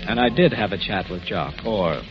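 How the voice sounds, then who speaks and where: A man's voice: fairly low pitch, expressive, moderate pace, close to an everyday voice. An actor playing Bill, a grave man narrating to a woman in a 1940s radio drama, on an old dull recording with music behind.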